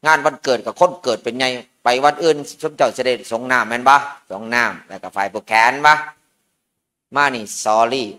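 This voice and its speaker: A man's voice: mid-range voice, normal speed, sharp tone. A man, a Buddhist monk with an Isan accent, giving an informal sermon at a merit-making ceremony in a folksy, joking storytelling manner.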